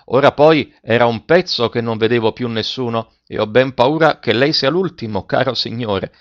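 A man's voice: mid-range voice, no echo, natural voice. A man voicing a frail old retired male schoolmaster with a slightly trembling but full voice, courteous and wistful, in a dull lo-fi recording. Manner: courteous, wistful, slow remembering.

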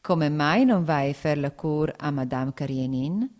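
A woman's voice: low-pitched, expressive, slow, darkish tone, long reverb tail. A woman voicing a mocking old society mother. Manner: mocking, sprinkled with French phrases. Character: older aristocratic mother, mocking gossip. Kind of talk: audiobook character reading.

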